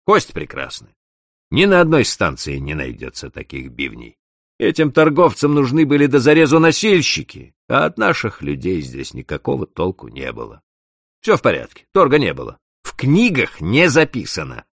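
A male narrator voicing a calm, impassive station clerk who speaks in an even, measured way. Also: medium pitch, creaky, no echo, clean studio sound, pitched above the performer's own voice, exaggerated voice. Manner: unruffled, measured.

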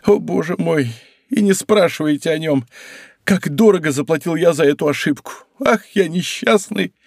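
A man's voice: sits high, expressive, brisk, darkish tone, no echo, studio quality, pitched above the performer's own voice. A man voicing a frightened, servile innkeeper who pleads and whines. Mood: pleading. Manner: whining, servile.

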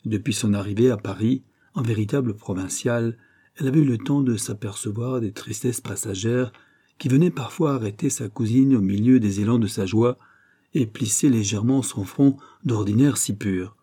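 A man narrating a nineteenth-century romance as an audiobook, measured and expressive. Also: on the low side, breathy edge. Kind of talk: literary audiobook reading.

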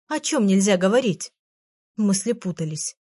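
A woman's voice: medium pitch, expressive, moderate pace, a little mellow, slightly rough, dry recording. Woman narrating a children's story, dry. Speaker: audiobook reader. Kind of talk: first-person story narration.

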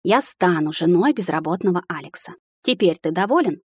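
A woman voicing a spirited, quick-tempered young woman in love, who speaks in an emotional, sharp way. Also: fairly low pitch, lively intonation, slightly rough, dry recording, clean studio sound. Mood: playful.

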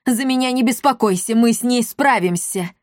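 Storybook nomad king, voiced by a woman: commanding, growling, loud. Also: a little high, normal speed, dry recording, clean studio sound, pitched above the performer's own voice, natural voice. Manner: growling orders.

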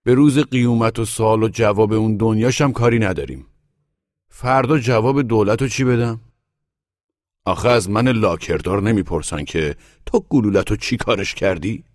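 A man's voice: fairly low pitch, a little mellow, no echo, studio quality, pitched above the performer's own voice, natural voice. A man voicing a shabby policeman who answers with sarcasm and mockery. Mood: mocking. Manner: sarcastic, mocking. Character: shabby mocking male policeman.

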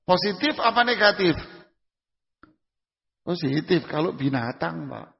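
A male preacher with a high, gravelly voice, giving a conversational religious lecture. He keeps asking the audience questions and answering them himself, leaning on homely examples. The dull, lo-fi recording carries a long hall reverb. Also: expressive, unhurried. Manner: uses everyday examples in casual speech. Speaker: Islamic preacher.

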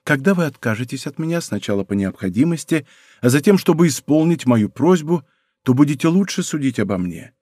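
A hushed composed princess, read by a man. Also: on the high side, breathy edge, no echo, studio quality. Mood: quiet, composed. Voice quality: soft, hushed. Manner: calm, deliberate and quietly firm. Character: proud young princess, cool and composed. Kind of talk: audiobook character voice.

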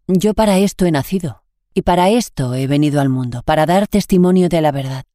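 A reader with a Spain Spanish accent voicing a calm condemned man who speaks solemnly. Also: medium pitch, a little fast, no room sound, clean studio sound, close to an everyday voice.

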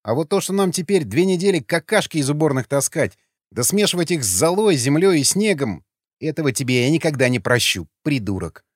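A man's voice: on the high side, big pitch swings, brisk, no room sound, clean studio sound. A man voicing a heated, tearful young man who pleads in outbursts. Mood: wry grumbling. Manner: pleading outbursts through tears.

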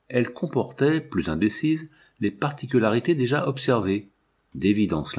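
A man narrating a novel as an audiobook reading, in a measured literary way. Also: fairly low pitch, a little mellow, husky.

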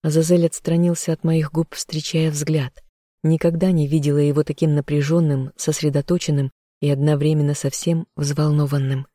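An audiobook narrator reading a first-person romance in an even, measured way on a close mic. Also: medium pitch, no room sound.

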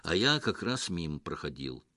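A man voicing a gruff, grumbling village man with a hoarse voice in an audiobook story. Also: sits low, very animated, normal speed, sharp tone, dry recording, voice pushed down, heavily acted. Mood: grim. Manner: grumbling, stern.

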